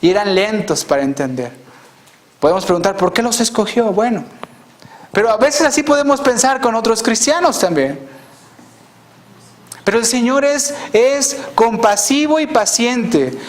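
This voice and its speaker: A male pastor preaching an earnest, reflective sermon, asking rhetorical questions and dropping to a soft hush on key phrases. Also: very high-pitched, animated, moderate pace.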